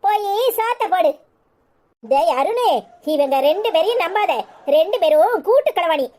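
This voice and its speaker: A woman voicing a bossy, sharp-tongued older mother-in-law in a cartoon, speaking with a Tirunelveli Tamil accent. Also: very high voice, expressive, moderate pace. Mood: scolding. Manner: scolding, scornful, bossy.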